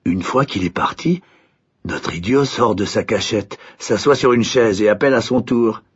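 A man narrating a fairy tale in an expressive storytelling manner. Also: fairly low pitch, normal speed, husky. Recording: dull lo-fi recording.

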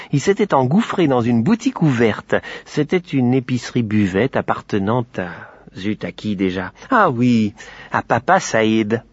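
Husky man reading a children's tale. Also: mid-range voice, no echo. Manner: lively, playful asides, pretending to forget. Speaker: storyteller. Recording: dry, slightly dull lo-fi recording.

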